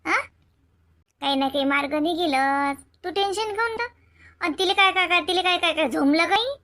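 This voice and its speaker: A woman voicing a caring adult sister in an animated comedy, chattering and fussing with a Varhadi Marathi accent. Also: extremely high pitch, moderate pace.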